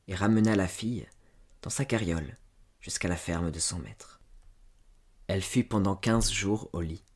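A man narrating a classic story as an audiobook, measured and subdued. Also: lowish voice, darkish tone. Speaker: audiobook reader.

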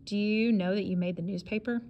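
A woman reading as a deadpan, blunt lawyer. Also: medium pitch, a little fast, dull audio, a little hiss or hum, close to an everyday voice. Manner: deadpan, blunt, matter-of-fact.

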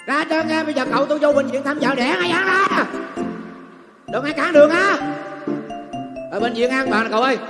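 A man playing a loud, argumentative young male servant in a stage comedy sketch. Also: extremely high pitch, very fast, hardly any pauses. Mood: shouting. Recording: echoey hall with loud music.

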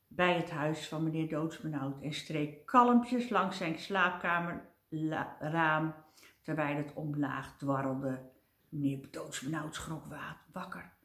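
A woman's voice: lowish voice, reverberant. Older woman reading a children's story. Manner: gentle and expressive, with the odd slip.

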